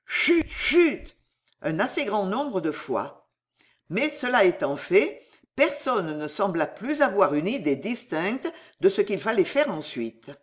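A woman narrating a classic novel aloud in a measured, expressive storytelling voice. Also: medium pitch. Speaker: audiobook reader.

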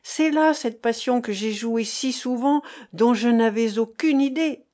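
A woman's voice: on the high side, a little slow, dark tone, lightly acted. A woman voicing a passionate, defiant young woman in love, reading an audiobook in an impassioned, pleading way. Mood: rapturous.

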